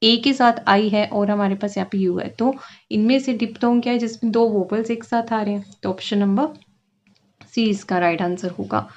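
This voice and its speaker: Woman, exam-prep teacher, explanatory lesson, frequent check-ins, slow deliberate reading of questions, lo-fi audio. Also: mid-range voice, fairly even intonation, darkish tone.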